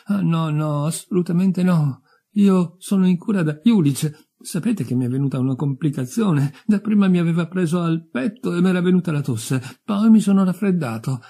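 Man doing a fretful stammering youth, high thin voice, husky. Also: moderate pace, dark tone. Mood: anxious. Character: nervous young man, newly dead, stammering. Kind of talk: audiobook character voice.

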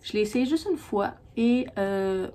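A woman with a Québécois French accent speaks in a warm, mid-range voice that is expressive and a little slow. She's a beauty vlogger casually reviewing products, rambling along with lots of fillers and restarts.

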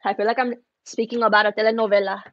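A young adult embroidery business owner, Spanish being her first language, talks casually on a livestream from her indoor studio, alternating English and Spanish. She speaks fast in a level, medium-pitched, fairly bright voice, and the wireless-earbud audio sounds lo-fi.

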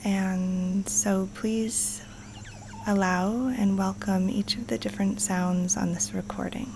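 A woman guiding a relaxation meditation in a soft, breathy, partly whispery voice, calm and soothing, with long pauses. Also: medium pitch, noisy background. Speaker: yoga nidra teacher guiding a meditation. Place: outdoors or open space in the jungle. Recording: live outdoor recording with jungle wildlife sounds. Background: faint jungle birds and insects.

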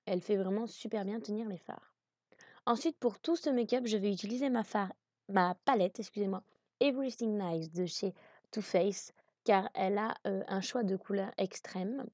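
A woman's voice: medium pitch, moderate pace, a little mellow, dry recording. A woman narrating a makeup tutorial in a casual voice-over, chatty with many hesitations.

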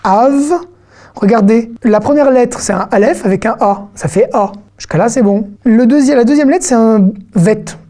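A woman giving an online Hebrew reading lesson, patient and encouraging, spelling out syllables slowly for beginners. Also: a little high, mellow. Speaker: Hebrew teacher.

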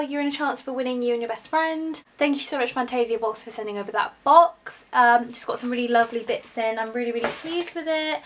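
A woman's voice: fairly high pitch, a bit bright, a little hiss or hum. Gushing young woman vlogging at home. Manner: gushing, chatty, quick to laugh. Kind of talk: casual vlog chat.

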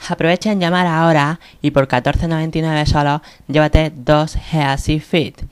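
A man's voice: level tone, moderate pace, smooth, natural voice. A man voicing a cheeky female presenter in a parody infomercial dub, with an accent from Spain. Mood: salesy, mocking. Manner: infomercial sales pitch, cheeky.

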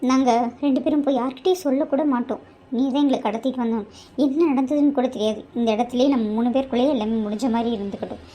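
A woman's voice: high-pitched, rapid-fire, mellow, highs cut off, close to an everyday voice. A woman voicing a young married woman held captive in a cartoon, who insults her captor with scorn and then begs him to let her go. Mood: begging. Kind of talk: animated cartoon voice acting.

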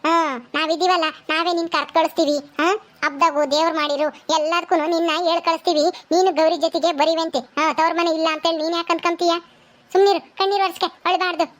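A woman voicing a caring, firm older village sister-in-law who gently scolds and reassures. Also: very high voice.

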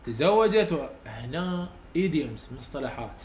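An Iraqi-accented man tutoring university students in English grammar. His voice sits a little high for a man, and he dictates each rule step by step, repeating it for note-taking. A faint hiss of background noise runs under his voice. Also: very animated. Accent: Iraqi Arabic. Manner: repeats rules slowly for dictation; colloquial step-by-step explaining. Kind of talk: lecture.

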